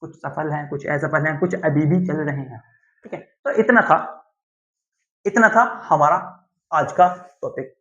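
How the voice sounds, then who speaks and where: In this classroom lecture, a man from Uttar Pradesh, India, keeps repeating key terms and asks and answers his own questions. He speaks at a measured pace in a fairly high, slightly bright voice, captured with dull lo-fi sound.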